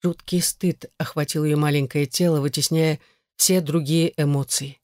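An audiobook narrator reading a novel in a steady scripted delivery. The voice sits at a middle pitch. The recording is close and dry, with no room sound. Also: normal speed, dry recording.

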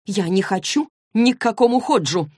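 A woman voicing a stubborn, sharp-tongued teenage girl in an audiobook, pitching up and speaking emphatically. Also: expressive, moderate pace, dry recording, clean studio sound, natural voice. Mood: sarcastic, defiant. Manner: pitched higher than the narration, emphatic. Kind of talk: audiobook character voice.

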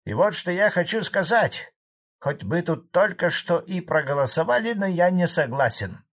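A man voicing an angry, blunt old male Soviet cattle farmer in an audiobook, gruff and indignant. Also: high-pitched, big pitch swings, normal speed, a bit bright, pitched above the performer's own voice, exaggerated voice.

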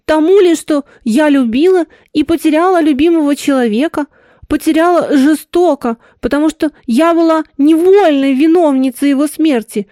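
A woman's voice: sits high, normal speed, dark tone, no room sound, clean studio sound, pitched above the performer's own voice, natural voice. A woman voicing a grief-stricken, guilt-ridden married woman, delivered in an emotional, pleading way. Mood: anguished.

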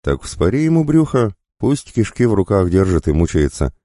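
A man's voice: sits low, very animated, normal speed, mellow, no echo, studio quality, voice pushed up. A man voicing a sly, cruel bandit who goads and mocks. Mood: jeering. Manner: jeering, goading.

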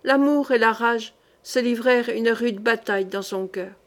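A woman narrates a historical novel for an audiobook at a steady, measured pace. Her voice sits a little on the high side. She tells the story in a clear, even way. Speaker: audiobook reader.

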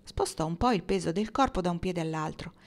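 A woman's voice: lowish voice, expressive, brisk. Woman reading a novel aloud. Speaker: audiobook reader.

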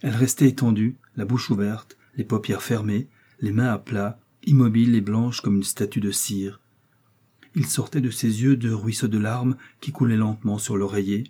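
A man narrating a classic novel as an audiobook, in a measured, grave storytelling manner. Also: on the low side, steady tone, dark tone, husky.

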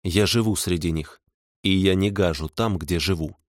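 A man voicing a calm, stern, ancient male water spirit who speaks unhurriedly. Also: deep voice, moderate pace, no echo, studio quality, natural voice.

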